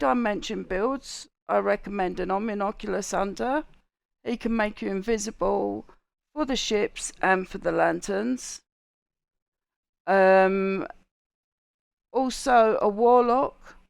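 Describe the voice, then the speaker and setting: Cockney woman with heavy creak. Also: mid-range voice, no echo. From England. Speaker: gaming video host. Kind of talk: casual scripted game guide narration.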